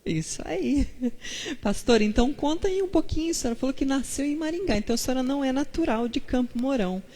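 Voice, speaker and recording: A woman's voice: high-pitched, animated, fast, mellow. A woman pastor hosting a live-stream chat, greeting viewers and asking her guest questions. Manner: fervent prayer, then chatty greetings to viewers.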